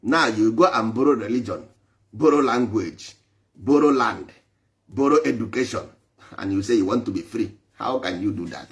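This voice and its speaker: With a lowish voice at a moderate pace, this man preaches to a live online audience. A traditional spiritual speaker, he is emphatic and repetitive, hammering his points home while moving between English and Igbo.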